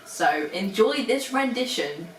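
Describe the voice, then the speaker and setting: A woman's voice: medium pitch, expressive, takes it slowly, distant mic, a little hiss or hum. Young woman, off-mic and echoey. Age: young adult. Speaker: co-host reading fan fiction. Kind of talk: casual livestream chat and reading aloud.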